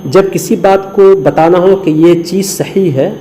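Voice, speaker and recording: Indian guy teaching urdu letters, spells stuff out slow and patient, really dark mellow voice, bit of faint background noise. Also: sits high, poor audio. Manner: mixes English words into Urdu explanations. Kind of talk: screen lesson.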